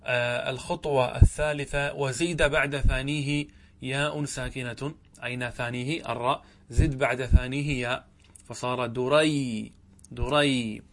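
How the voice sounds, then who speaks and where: A male grammar teacher giving a lesson in a classroom. He talks at an unhurried pace, stretches out each example word and says it more than once. He keeps asking his listeners short questions as he goes. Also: medium pitch, steady tone. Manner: slow and deliberate, repeats and stretches out example words, asks the class questions. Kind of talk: classroom lesson explaining a text.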